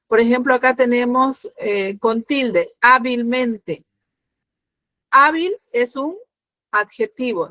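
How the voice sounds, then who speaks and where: A middle-aged woman teaching a grammar lesson, explaining patiently, often pausing with fillers and checking that students follow. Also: on the high side, fairly bright tone, dry recording.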